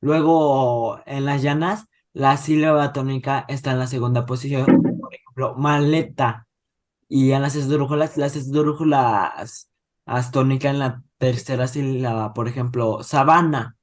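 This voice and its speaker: A man's voice: medium pitch, steady tone, moderate pace, a little mellow. A man explaining grammar rules in a casual podcast discussion, hesitant and restarting his words often. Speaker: student explaining a topic.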